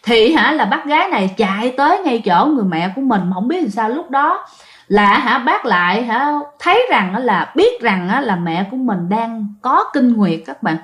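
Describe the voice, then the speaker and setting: A woman's voice: fairly high pitch, expressive, moderate pace. A woman telling a ghost story in a chatty way, talking straight to her listeners. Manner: chatty, addressing listeners directly. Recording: echoey room.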